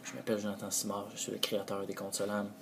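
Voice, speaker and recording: A man with a Québécois accent recording a video tutorial, stumbling over drawn-out fillers and restarting his introduction again and again with exasperated, self-mocking humor. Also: fairly low pitch, completely flat delivery, vocal fry, a little hiss or hum. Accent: Québécois French. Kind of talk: casual self-mocking blooper takes.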